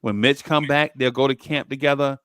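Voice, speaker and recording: A man's voice: medium pitch, fairly even intonation, brisk, fairly bright tone, smooth, no room sound, studio quality. A man hosting a sports talk show with casual, slangy banter, repeating phrases for emphasis.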